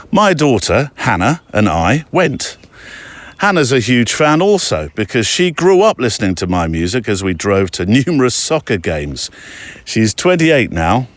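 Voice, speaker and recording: A man hosting a podcast, reading a listener's letter aloud in a chatty, digressive way with quick asides. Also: mid-range voice, no room sound. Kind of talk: casual storytelling read-aloud.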